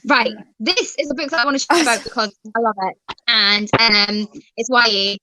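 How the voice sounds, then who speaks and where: A woman's voice: fairly high pitch, moderate pace, pushed and bright, a little hiss or hum, poor audio. A woman chatting casually about books, gushing, laughing often and swearing freely. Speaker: book club host. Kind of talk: casual book chat.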